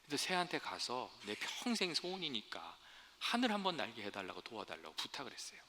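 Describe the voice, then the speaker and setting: A male pastor preaches with a very bright, forceful tone and a lively pitch that swings up and down. He speaks earnestly to his congregation and slips easily into storytelling. His voice rings out in a long reverberant church hall. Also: a little fast, slight background noise. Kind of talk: sermon.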